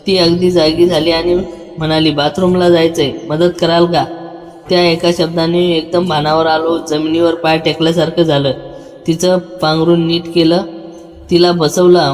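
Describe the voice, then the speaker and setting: A man narrating a first-person story in a calm, even storytelling manner. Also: fairly high pitch. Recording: long hall reverb with soft background music.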